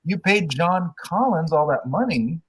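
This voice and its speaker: A man guesting on a sports podcast, telling opinionated stories in a casual, animated way. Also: fairly high pitch, a little slow, background noise.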